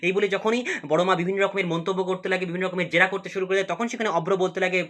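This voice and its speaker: A man recapping a TV serial episode in a hurried, repetitive style with frequent fillers. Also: sits high, steady tone, fairly bright tone. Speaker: TV serial review host. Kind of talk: rapid episode recap narration.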